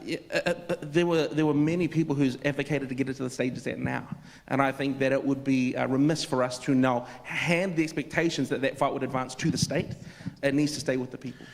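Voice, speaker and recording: Male panelist, New Zealand accent, quick and earnest, restarts his sentences; reverberant hall. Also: medium pitch, fairly even intonation, vocal fry. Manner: earnest, repeats words when starting sentences. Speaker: panel debater. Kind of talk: panel debate.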